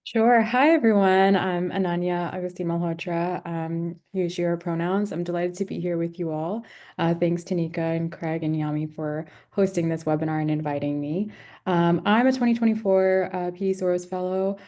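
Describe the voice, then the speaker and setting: A woman in her twenties, a law student speaking as a webinar panelist over a video call, warm and hesitant with many fillers. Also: lowish voice, fairly even intonation, moderate pace. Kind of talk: casual chat.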